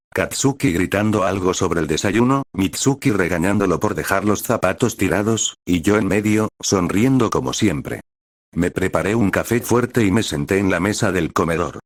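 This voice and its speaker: A man narrating a first-person story in a slow, even reading voice. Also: low-pitched, dry recording, clean studio sound.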